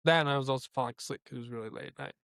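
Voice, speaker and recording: A man's voice: mid-range voice, rapid-fire, creaky, a bit bright, smooth, no room sound, studio quality. A young man co-hosting a podcast in a casual, chatty way, sharing opinions and filling his talk with "like". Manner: chatty, opinionated, heavy use of "like". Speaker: podcast co-host. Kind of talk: casual chat.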